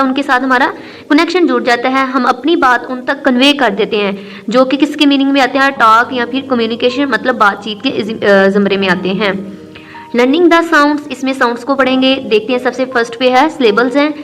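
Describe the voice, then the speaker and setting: A woman, an English teacher giving a recorded lesson, explaining patiently and reading English lines out slowly. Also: high voice, fairly bright tone. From Pakistan.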